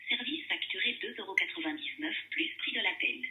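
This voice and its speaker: A woman's voice: mid-range voice, very animated, fairly quick, bright, forceful tone. A woman's automated phone announcement on an answering machine, formal and recorded. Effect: automated answering machine announcement over the phone. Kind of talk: recorded operator message. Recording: phone speaker heard from a distance.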